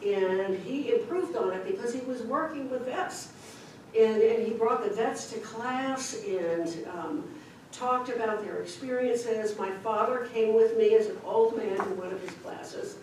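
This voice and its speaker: Older woman, rambling church intro, slightly high voice, distant mic in a reverberant hall. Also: a little slow, slight background noise. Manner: warm, rambling with fillers and laughs. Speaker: introducing a guest speaker.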